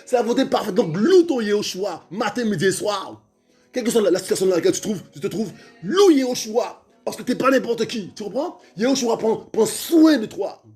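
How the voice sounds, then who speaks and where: Male preacher, high voice, fervent and repetitive, faint music behind. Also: very animated, brisk. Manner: fervent, repetitive, calls out to listeners, stammers, shouts at times.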